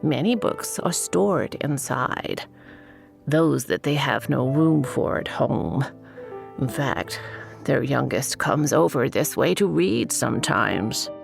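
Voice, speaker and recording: An actress playing a kindly old village grandmother who answers slowly and helpfully. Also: extremely low pitch, expressive, gravelly, faint music behind, full character voice. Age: older. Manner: slow, helpful, musing.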